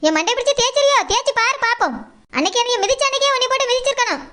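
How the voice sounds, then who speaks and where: A woman's voice: extremely high pitch, animated, rapid-fire, heavy background noise. A woman with a southern Tamil Nadu dialect voicing a defiant, quarrelsome village woman in a cartoon, talking back sharply. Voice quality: sharp retorting. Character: defiant quarrelsome village woman who lost her chain.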